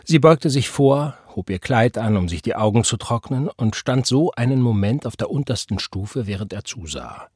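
A man reading a novel aloud in measured, scripted audiobook narration. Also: medium pitch, expressive, a little mellow, husky, no echo, clean studio sound.

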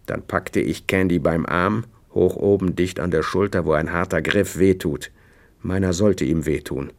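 A man reading a hard-boiled crime novel aloud as an audiobook narrator, with steady, dry storytelling. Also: sits low, normal speed. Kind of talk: scripted narration.

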